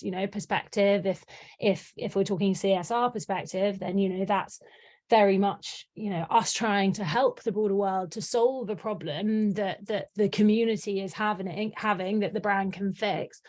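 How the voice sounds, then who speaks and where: A woman's voice: medium pitch, darkish tone. Enthusiastic woman talking shop. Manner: enthusiastic, fluent, many "you know"s. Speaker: guest, communications professional. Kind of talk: podcast interview.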